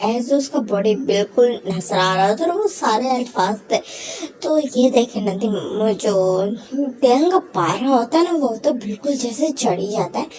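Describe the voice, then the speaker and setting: A woman's voice: on the high side, expressive, a little slow, crowd noise, poor audio. A woman casually retelling a story, filling her talk with fillers and briefly voicing each quoted line. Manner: frequent fillers, voices quoted lines briefly. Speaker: story narrator. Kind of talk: casual storytelling of fan fiction.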